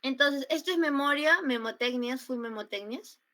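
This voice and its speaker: A young woman with a Peruvian Spanish accent giving an online grammar class, explaining slowly with many fillers and repetitions over a computer mic. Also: high-pitched, pushed and bright. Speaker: student tutor teaching grammar. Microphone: computer mic on a video call.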